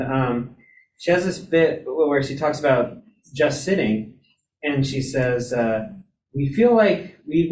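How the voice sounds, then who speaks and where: A man casually telling a story to a Zen group, chatty and amused, laughing as he talks. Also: darkish tone. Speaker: Zen practitioner sharing an anecdote. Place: Zen center meditation hall. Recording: echoey hall, distant mic, faint rumble.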